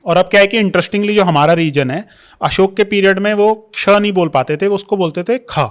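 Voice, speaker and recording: A man's voice: sits high, a little fast. A young man, a history scholar who explains at length in a podcast interview, mixing English terms into his Hindi. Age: young adult.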